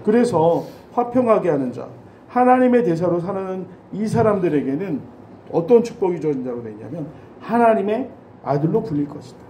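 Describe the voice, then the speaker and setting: A man's voice: high voice, big pitch swings, brisk, warm tone, a little hiss or hum. A man in his forties preaching a Sunday sermon in a church, with a chatty, anecdotal style and touches of humor. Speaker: pastor. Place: church sanctuary. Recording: roomy church hall echo.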